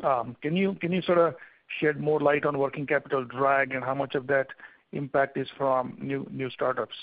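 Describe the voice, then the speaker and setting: A man's voice: mid-range voice, fairly even intonation, normal speed. A male financial analyst asking friendly, methodical questions on an earnings call. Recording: tinny phone line.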